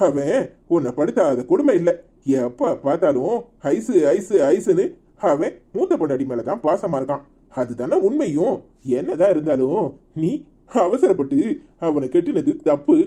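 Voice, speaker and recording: A voice actor playing a scheming married man in a cartoon, with a Tirunelveli Tamil accent and a husky, coaxing then bullying manner. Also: mid-range voice, very animated, moderate pace, mellow. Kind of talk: cartoon voice acting.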